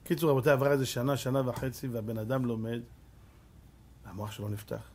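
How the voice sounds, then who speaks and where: Husky, animated middle-aged rabbi. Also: male voice, medium pitch. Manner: animated storyteller, acts out voices. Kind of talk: Torah lesson.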